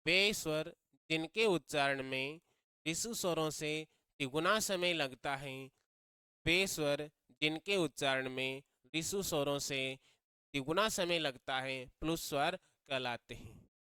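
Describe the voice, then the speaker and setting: A man's voice: fairly high pitch, slow, pushed and bright, smooth, no echo. A man teaching a grammar lesson, repeating key phrases and quizzing his students as he goes.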